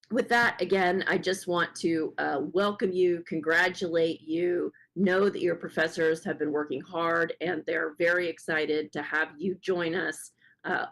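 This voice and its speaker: A woman gives an earnest welcome to new students over a video call. Her voice is hoarse, as if she is losing it, and slightly low, and she fills her talk with many pauses and "uh"s. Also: steady tone, low-quality recording. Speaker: faculty speaker at student welcome session. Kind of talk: welcome address on a webinar.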